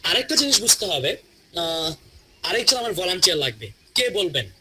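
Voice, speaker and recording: A man with a Bangladeshi Bengali accent teaching English pronunciation in a classroom, slowly drawing out model phrases for students to repeat. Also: high-pitched, very animated, sharp tone, slight background noise, poor audio. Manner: slow, drawn-out model phrases for repetition. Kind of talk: classroom lesson.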